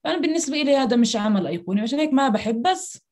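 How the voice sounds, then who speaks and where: Woman, Palestinian Arabic accent, quick pace, earnest, explanatory, conversational interview guest. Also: high voice, lively intonation, darkish tone.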